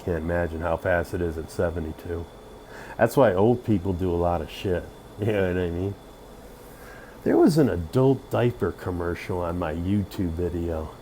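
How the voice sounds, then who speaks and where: A man in his fifties with a deep, dark voice chats loosely to a livestream. He sounds drunk, boasting and drifting from thought to thought. There is faint noise behind him. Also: expressive, normal speed. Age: 50s. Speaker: livestream host. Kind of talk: rambling casual livestream chat.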